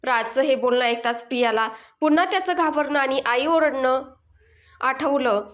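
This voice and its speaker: A woman's voice: high voice, normal speed. A woman steadily reading a romantic story as narrator.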